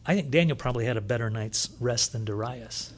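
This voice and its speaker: A man preaching a sermon, retelling a scripture story with lively storytelling and loud bursts when he reads from the text. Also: mid-range voice, a little fast, a little hiss or hum. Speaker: pastor.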